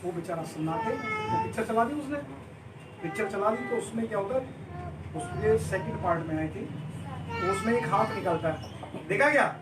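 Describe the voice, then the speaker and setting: A male teacher telling a joking story to his class in an animated way and leading repetition drills. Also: sits high, normal speed. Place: indoor classroom. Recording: echoey room, far from the mic, noisy.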